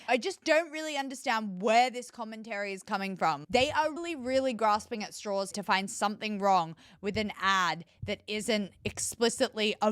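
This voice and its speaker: Higher-voiced woman ranting to camera. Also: fairly bright tone, dry recording, studio quality. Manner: emphatic, scornful, rhetorical questions. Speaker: political commentary host. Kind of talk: opinionated solo commentary.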